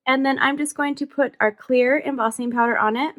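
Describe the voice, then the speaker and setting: A middle-aged woman walks viewers through a craft tutorial in a casual, chatty way, upbeat and thinking aloud as she works. Her voice is bright and sits a little high. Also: steady tone, fairly quick.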